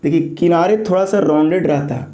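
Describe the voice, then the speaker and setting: Man, lecturing teacher, high-pitched voice, slightly hoarse from a sore throat, repeats each term as a question. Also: a little fast, warm tone. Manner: repeats key terms as call-and-response questions. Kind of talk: classroom lecture.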